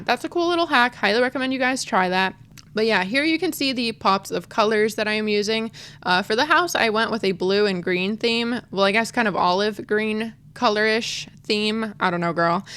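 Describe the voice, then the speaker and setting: A woman's voice: mid-range voice, fairly bright tone, clear, resonant tone. A woman talking with braces, slightly lisping and wet, in a gushing, slangy, casual voice-over as a gaming video creator.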